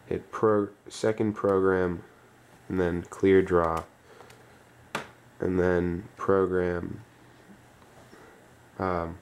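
Slow, low-pitched man dictating steps. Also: level tone, a little hiss or hum. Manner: dictating, in short clipped fragments with pauses. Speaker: tutorial presenter. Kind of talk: step-by-step instructional dictation of key presses.

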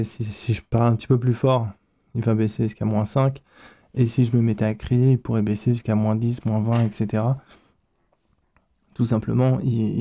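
A man hosting a step-by-step software tutorial, talking straight to the listener and walking through each setting. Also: medium pitch, gravelly. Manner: explains step by step, addresses the listener as "tu". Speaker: streaming tutorial host. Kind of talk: screen-recorded software tutorial.

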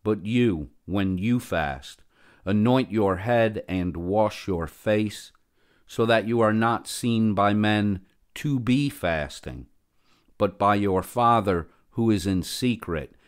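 Male scripture reader, deep low voice, unhurried and solemn. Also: smooth. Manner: measured, solemn reading with long pauses. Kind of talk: slow scripted Bible reading.

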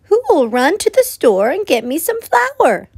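A woman voicing a bright, fussy little female hen in a read-aloud storybook, calling out in a high, emphatic voice. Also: huge pitch swings, a little slow, gravelly, heavily acted. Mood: chirpy, asking.

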